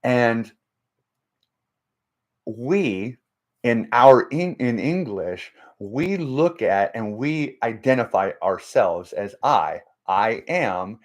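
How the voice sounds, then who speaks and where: A man hosting a faith-based motivational live stream, talking in a slow, halting way with many restarts and repeated words, and reading out and answering viewer comments. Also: medium pitch, lively intonation.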